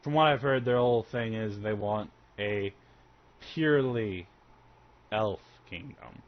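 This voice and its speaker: Guy doing tabletop game master talk, lowish voice, stop and start, kinda lo-fi. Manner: halting, conversational. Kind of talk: improvised tabletop game narration and in-character talk. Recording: dull lo-fi sound with faint noise.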